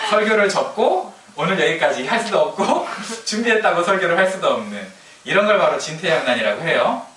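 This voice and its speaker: Bright, jokey pastor. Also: male voice, on the high side. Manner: chatty, humorous storytelling with laughs. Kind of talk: sermon. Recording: echoey room from a distance.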